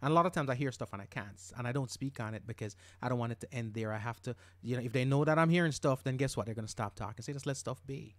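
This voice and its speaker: Podcast host, man from Jamaica, middle-aged, emphatic casual monologue, mid pitch, dry close sound. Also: fast, hardly any pauses, no echo. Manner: emphatic, repeats words when worked up.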